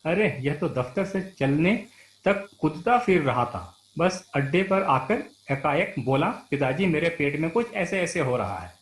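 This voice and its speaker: A man's voice: fairly high pitch, big pitch swings, measured pace. A man reading as a bewildered father of a sick boy. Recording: roomy echo.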